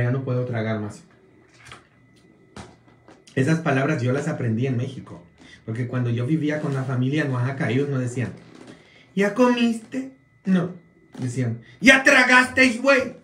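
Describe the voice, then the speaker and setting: Polish-born male priest, casual viewer talk, very slow, roomy echo, keeps tossing in "mm?" checks. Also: medium pitch, a little hiss or hum. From Poland. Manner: slow, drawn-out delivery with frequent "mm?" tag questions.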